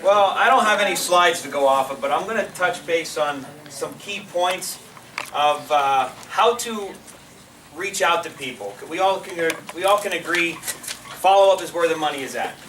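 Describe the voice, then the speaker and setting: A team trainer gives a loose, filler-heavy talk to a live audience in a meeting room, frequently asking the room to agree. His voice is on the high side with lively intonation and a moderate pace, recorded far off the mic with roomy sound and faint noise.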